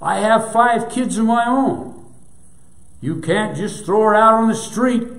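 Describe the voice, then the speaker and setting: A man voicing a poor, desperate grown son who shouts in distress, as part of a sermon story. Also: high-pitched, unhurried, pitched above the performer's own voice. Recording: echoey church room.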